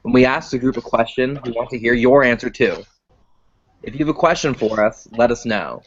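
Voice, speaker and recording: A man's voice: mid-range voice, a little fast. A teenage boy hosting an online video call, reading his prompts with fillers. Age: teens. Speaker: host. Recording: dull lo-fi call audio.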